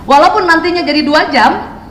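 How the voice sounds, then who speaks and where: A woman's voice: very high voice, normal speed. A woman teaching an Islamic study session to mothers, often quizzing her listeners with questions. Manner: quizzes the audience with frequent questions. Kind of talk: religious study lecture to mothers. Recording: echoey room with faint noise.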